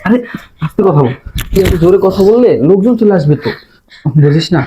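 A man playing a fast-talking, coaxing schemer. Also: high-pitched, animated, a little hiss or hum, rough recording. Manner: coaxing, insistent and hushed. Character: scheming young man luring a madwoman.

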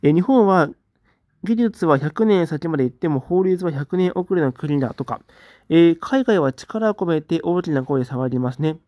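A man in a casual livestream, reading out viewer comments and giving short, relaxed replies. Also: on the high side, normal speed, dry recording. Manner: relaxed, reads comments aloud with brief replies.

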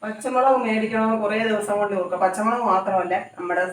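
A woman cooking at home and rambling to the camera, often tagging her sentences with little check-ins. She sits at a middle pitch for a woman. She sounds a step back from a phone mic in an echoey kitchen. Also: fast. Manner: rambling, conversational, often adds tag questions. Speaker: cooking vlogger. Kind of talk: chatty home cooking vlog. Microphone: phone camera some distance away. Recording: echoey room, voice from far off.

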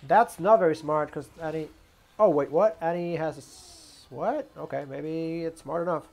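A man streaming a strategy game, thinking aloud about his moves in low mutters with sudden excited outbursts. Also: vocal fry. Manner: mutters plans to himself, quick bursts of surprise. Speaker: gaming streamer. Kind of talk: gameplay commentary, thinking aloud.

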